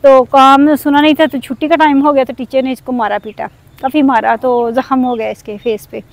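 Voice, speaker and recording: A woman's voice: sits high, flat delivery, brisk. A woman in her thirties from Pakistan, talking casually and earnestly to her viewers in a village vlog. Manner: aggrieved and earnest. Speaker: vlogger. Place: outdoors in a village.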